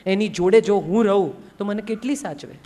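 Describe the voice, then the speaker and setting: A woman's voice: mid-range voice, moderate pace, mellow, slight background noise, natural voice. A woman voicing a tearful young bride in a told story, in a plaintive, complaining tone.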